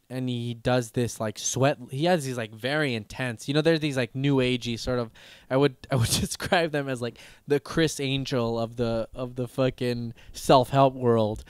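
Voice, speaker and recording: A man's voice: mid-range voice, clear, resonant tone, dry recording. A man in his thirties hosting a podcast, talking casually in a rambling way with lots of fillers, restarts and swearing. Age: 30s. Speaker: podcast host.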